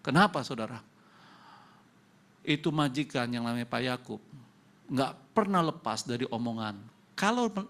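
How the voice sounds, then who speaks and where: Indonesian-speaking pastor preaching with loud bursts. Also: male voice, vocal fry. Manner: preaching with sudden loud high-pitched emphasis, asks the congregation questions. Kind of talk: sermon. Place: church hall.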